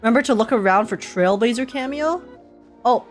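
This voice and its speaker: A woman with a fairly high voice reacts live to a story game, talking briskly in a casual, playful way. She exclaims often and pokes fun at herself, while soft music runs in the background.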